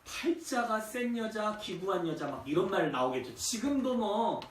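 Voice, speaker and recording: A man's voice: high voice, sing-song, normal speed, slight background noise. A male pastor giving a conversational sermon, often asking the congregation rhetorical questions. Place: church sanctuary. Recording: echoey church, distant from mic.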